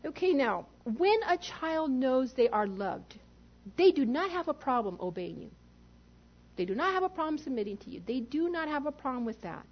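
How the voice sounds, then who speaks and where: A woman's voice: high voice, big pitch swings, moderate pace, highs cut off. A woman pastor preaching a sermon in an emphatic way, putting rhetorical questions to the congregation.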